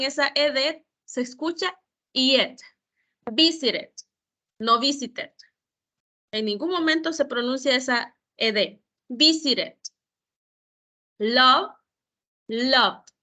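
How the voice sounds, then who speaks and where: A woman's voice: high voice, pushed and bright. A woman tutor giving an online grammar lesson, explaining each rule patiently, step by step, with examples. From El Salvador. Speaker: English tutor.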